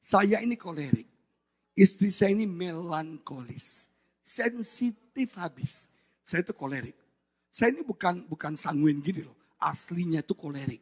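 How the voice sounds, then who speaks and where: A male pastor, delivering a sermon in a blunt, animated way and often shouting for emphasis. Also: high voice, moderate pace, husky. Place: church sanctuary.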